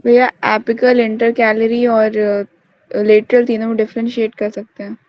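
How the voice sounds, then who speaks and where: Woman student on a call, steady level voice, short careful answers, lo-fi sound. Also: fairly high pitch, normal speed, no echo. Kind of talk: answering in online class. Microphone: video call. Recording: dry muffled online call audio.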